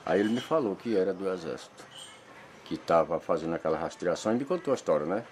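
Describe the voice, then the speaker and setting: A man's voice: low voice, lively intonation, quick pace, a little mellow, a little hiss or hum. A man recounting his memories as a villager interviewee. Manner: plain storytelling with regional speech. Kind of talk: spoken testimony.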